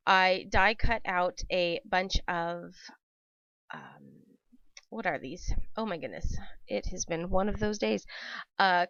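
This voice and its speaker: A papercraft channel host, her voice fairly low with a fairly bright tone, talks through a casual craft tutorial. A cold has dried and scratched her throat, and she rambles chattily, stumbling into ums and fixing her own words. The home voice-over sounds dull and dry, without echo.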